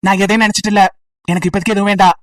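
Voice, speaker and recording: A woman's voice: mid-range voice, fairly even intonation, rapid-fire, no echo, far from the mic, voice pushed down, natural voice. A woman voicing a stubborn, bitter young village man of 28 who refuses marriage and talks curtly and threateningly. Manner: curt, threatening, sulky.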